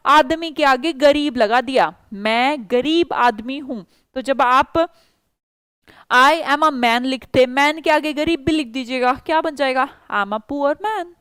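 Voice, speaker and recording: High-voiced woman teaching spoken English. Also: fairly bright tone, no echo. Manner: coaxing, urges learners to answer fast. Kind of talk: online class teaching.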